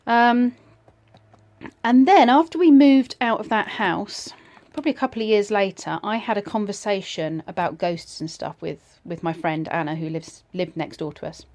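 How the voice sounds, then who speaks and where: Speaking at a medium pitch with a darkish tone, a woman casually shares a ghost story from her own life. She sounds reflective and slightly hesitant, pausing between short phrases.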